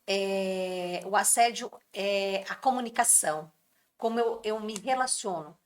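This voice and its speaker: A woman's voice: medium pitch, measured pace. A woman on a podcast earnestly explaining workplace mental health as a guest, sometimes acting out what people say. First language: Brazilian Portuguese. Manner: earnest, acts out quoted speech. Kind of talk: explanatory conversation.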